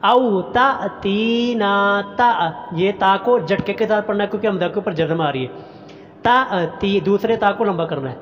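A man teaching Quran pronunciation in an online class, chanting each verse slowly, then explaining the rules briskly. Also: sits high, expressive, long reverb tail, muffled recording.

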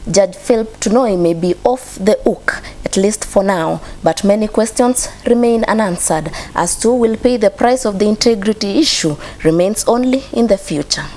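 A woman with a Kenyan accent reading a formal news voice-over in a measured way. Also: mid-range voice, warm tone, low-quality recording. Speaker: news reporter.

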